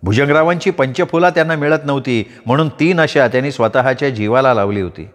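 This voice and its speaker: Expressive male storyteller, long reverb. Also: mid-range voice, a little fast. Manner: expressive, varied storytelling delivery. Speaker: storyteller reading a novel aloud. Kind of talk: dramatic audiobook narration.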